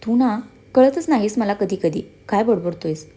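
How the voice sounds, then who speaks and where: A woman's voice: medium pitch, animated, moderate pace, dark tone, natural voice. A woman voicing a cheerful, curious young woman who chats in a storybook reading. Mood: chatty.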